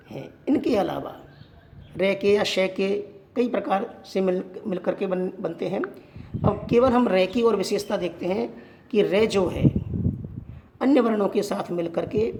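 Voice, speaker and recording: A teacher giving a Sanskrit grammar lesson, asking questions and answering them, repeating points slowly. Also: mid-range voice, background noise. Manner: poses questions and answers them, slow and repetitive. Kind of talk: classroom-style grammar lesson.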